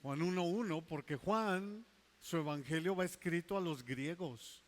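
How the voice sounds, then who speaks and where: A male pastor preaching a sermon, emphatic, stretching key words slowly and dropping into quiet asides. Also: a little high.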